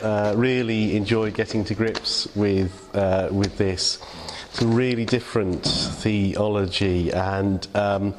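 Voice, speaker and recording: An English man delivers a relaxed sermon reflection, his voice sitting fairly low. He talks conversationally, pausing on fillers and restarting sentences as he thinks. The church around him leaves a long, lingering reverb. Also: a little hiss or hum. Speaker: clergy giving a reflection.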